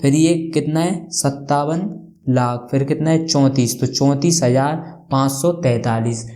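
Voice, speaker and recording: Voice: medium pitch, measured pace, warm tone. A maths teacher explaining a lesson, who keeps asking questions and answering them, and spells out place values one by one.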